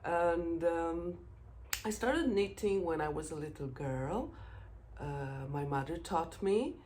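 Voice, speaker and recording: Speaking slowly in a low, slightly mellow voice with lively intonation, a middle-aged Israeli woman whose first language is Hebrew rambles casually through her knitting podcast. She searches for English words, halting often on "uh" and "um," with a faint hum behind her.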